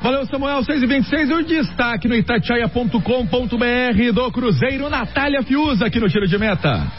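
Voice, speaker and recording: A Brazilian man anchoring a radio sports bulletin in a brisk announcer tone, handing off to reporters. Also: extremely high pitch, lively intonation. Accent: Brazilian Portuguese. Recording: dull radio broadcast with music bed.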